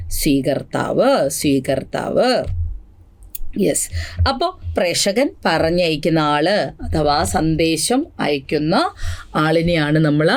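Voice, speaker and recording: Woman drilling vocabulary for exam prep. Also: deep voice. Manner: drills word lists slowly, then chats quickly with asides; addresses students fondly as children. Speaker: exam coaching teacher. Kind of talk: exam revision lesson.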